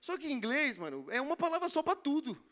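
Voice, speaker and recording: Fast, bright, high-voiced male preacher. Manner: lively, slangy, animated storytelling. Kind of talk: storytelling church talk. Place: church.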